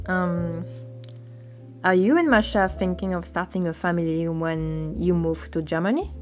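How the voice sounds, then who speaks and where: A woman acting in an animated short film, speaking in an earnest, questioning manner. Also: lowish voice, measured pace, close to an everyday voice. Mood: probing. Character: opinionated woman, later a polite, attentive therapist. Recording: music under the voice.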